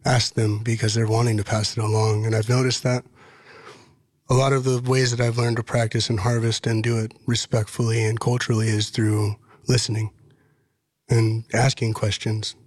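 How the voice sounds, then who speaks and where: Earnest man in his thirties, flat delivery. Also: fairly low pitch, normal speed, breathy edge, no echo, studio quality. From Washington state, US. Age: 30s. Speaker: guest. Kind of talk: casual podcast conversation.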